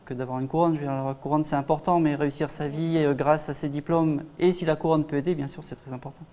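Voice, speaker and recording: Woman, pageant committee, talk show guest, quick, assured, low mellow voice. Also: steady tone.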